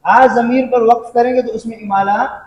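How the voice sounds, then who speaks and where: A man's voice: extremely high pitch, fairly even intonation, a little mellow, lo-fi sound. A man teaching Quran recitation rules, explaining patiently, repeating points and asking if students follow. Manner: repeats points and checks understanding. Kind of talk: classroom explanation. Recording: echoey room with faint noise.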